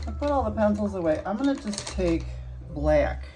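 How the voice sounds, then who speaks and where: A woman's voice: medium pitch, animated, unhurried, heavy background noise. A woman hosting her art vlog, thinking aloud as she paints and murmuring small self-critical remarks. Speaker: art channel host. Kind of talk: casual art demonstration vlog.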